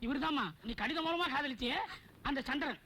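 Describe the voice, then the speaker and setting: A man's voice: extremely high pitch, fairly quick, sharp tone. A doting, smitten father. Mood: fatherly. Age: middle-aged. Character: soft-hearted widowed father, smitten and foolish. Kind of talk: Tamil film comedy acting.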